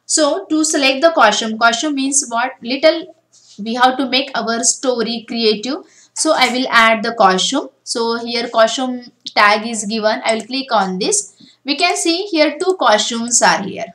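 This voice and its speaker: A woman's voice: a little high, a little slow, a bit bright, rough recording. A woman teaching a coding lesson for beginners, explaining each step in turn over a screen recording. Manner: step-by-step explaining, often starting with "now".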